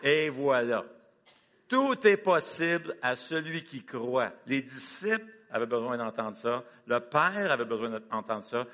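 A man's voice: mid-range voice, lively intonation, measured pace, bright, forceful tone, big-room sound. A middle-aged man, preaching a sermon and urging the congregation to repeat after him. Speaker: pastor.

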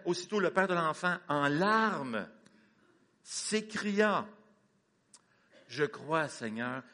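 A man's voice: on the high side, a bit bright, big-room sound. A middle-aged man, preaching a sermon and urging the congregation to repeat after him. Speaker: pastor.

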